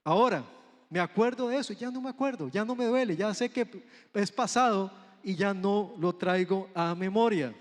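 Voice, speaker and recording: Costa Rican male preacher, high voice, sermon with a long hall echo. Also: moderate pace. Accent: Costa Rican Spanish. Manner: conversational preaching, asks the congregation questions. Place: church sanctuary.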